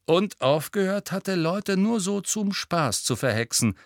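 A man voicing an earnest adult wizard mentor who speaks in a measured, firm way. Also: high voice, lively intonation, no echo, studio quality, voice pushed up.

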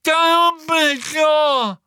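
A man's voice: very high-pitched, bright, forceful tone, no echo, voice pushed up, full character voice. A man playing a wailing, apologetic teen boy. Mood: excited. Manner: drawn-out, wailing. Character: clumsy scared teenage boy, apologetic. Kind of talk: audiobook character voice.

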